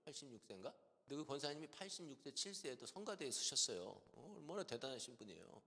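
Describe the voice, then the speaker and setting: Animated pastor preaching in a reverberant hall. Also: male voice, medium pitch, quick pace. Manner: animated storytelling, acts out quoted voices of church members. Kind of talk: sermon with storytelling. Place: church sanctuary.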